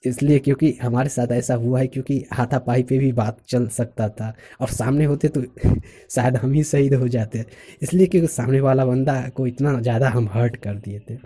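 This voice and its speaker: Male vlogger, husky and very dark tone, chatty explainer who stresses his examples. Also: mid-range voice, steady tone, normal speed. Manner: chatty, laughs now and then, stresses example phrases. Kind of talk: casual explanatory monologue.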